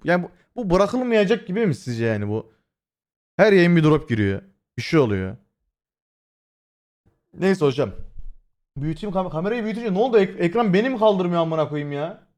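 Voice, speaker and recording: This young man is livestreaming, chatting casually with viewers, cursing freely, talking straight to chat, and rambling with plenty of fillers. His voice sits high and sing-song with a darkish tone, at normal speed with long pauses. It has been hoarse lately.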